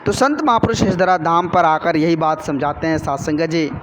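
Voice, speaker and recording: A man with a high, light voice preaching a devotional sermon. He tells his parable patiently, addressing the congregation over and over. Faint street and traffic noise hums behind him. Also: normal speed. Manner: calls the congregation again and again, storytelling. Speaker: spiritual speaker.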